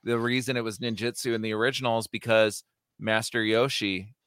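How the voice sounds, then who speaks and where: A man's voice: fairly low pitch, steady tone, brisk, fairly bright tone, smooth, no room sound, studio quality. A man hosting a podcast, chatting casually and bluntly with cohosts, swearing freely and getting heated as he rants about a movie. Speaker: podcast host. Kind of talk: casual chat, movie review.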